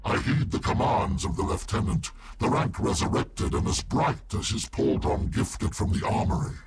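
A man's voice: mid-range voice, expressive, normal speed, close to an everyday voice. Game casting: male actor as ancient entombed psychic warrior, solemn and portentous like a seer, voice buried in heavy noise. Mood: solemn, brooding. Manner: grave, cryptic, portentous seer-like speech. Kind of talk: dramatic scripted game monologue.

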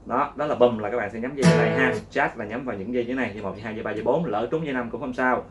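A man's voice: mid-range voice, very fast. Patient man teaching guitar strumming. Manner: patient, repetitive, counts strums aloud with sound words. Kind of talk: casual spoken guitar lesson. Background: guitar playing.

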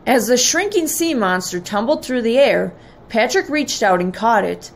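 Woman, teacher, picture-book read-aloud, expressive, measured, lively pitch.

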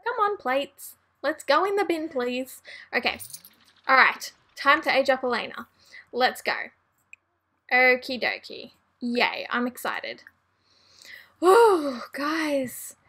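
A young woman with a high, bright-sitting voice talks through her gameplay in an unhurried, chatty way. She is excitable and easily distracted, drifting between asides as she plays. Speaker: gaming channel host. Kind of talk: casual let's-play commentary.

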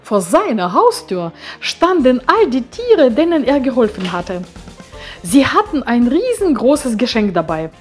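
A woman reading a storybook aloud to children in a slow, expressive, sing-song manner. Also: sits high, faint music behind.

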